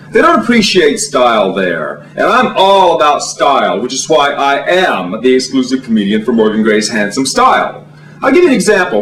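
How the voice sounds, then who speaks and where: Man, stand-up comedian, campy and theatrical, lively swooping pitch, roomy sound a bit off-mic. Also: far from the mic. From Alabama. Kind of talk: comic monologue.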